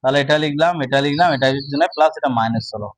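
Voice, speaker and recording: A man teaching a math lesson, speaking slowly and asking his own questions before answering them. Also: medium pitch, dry recording, rough recording. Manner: slow, repetitive, asks and answers own questions. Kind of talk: casual classroom lesson.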